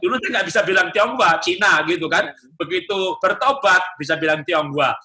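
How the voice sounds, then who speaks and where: Jolly guy talking faith, high and super bright, laughs a lot, roomy echo. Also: brisk. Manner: jovial, laughs often while teaching. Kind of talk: casual faith talk.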